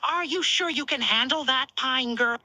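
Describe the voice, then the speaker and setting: Woman voicing flustered, high-pitched alien commander. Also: moderate pace, bright, forceful tone, dry recording, exaggerated voice. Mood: intrigued, teasing. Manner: smirking, hesitant, teasing. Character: flustered, flirty small male alien army commander. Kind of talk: fan fiction character roleplay dub.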